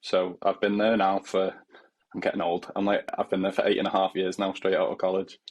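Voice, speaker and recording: A twenty-six-year-old man hosting a podcast, asking questions in a measured, relaxed way. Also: low voice. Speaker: podcast host. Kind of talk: casual podcast interview.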